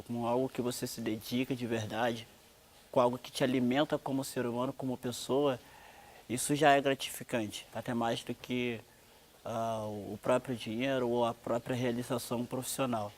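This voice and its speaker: A male actor speaks in a documentary interview. He is sincere and measured, choosing his words with care. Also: medium pitch, steady tone. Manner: earnest, measured.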